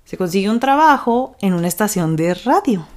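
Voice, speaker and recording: A woman with a Mexican accent hosting a casual rant podcast, talking fast and excitably and swearing freely. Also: medium pitch. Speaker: podcast host.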